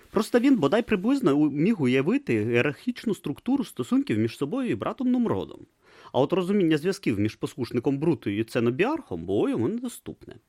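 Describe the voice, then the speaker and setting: A man narrating a comic fantasy novel as an audiobook, in an expressive storytelling read. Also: fairly high pitch, dry recording, clean studio sound.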